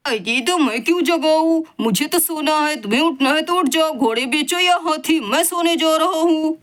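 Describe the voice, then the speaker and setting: A lazy husband, voiced by a woman, drowsy and grumpy. The voice sits fairly high for a man. He grumbles through a homemade doll story. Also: normal speed, fairly bright tone. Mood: sleepy. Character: sleepy, lazy grown husband.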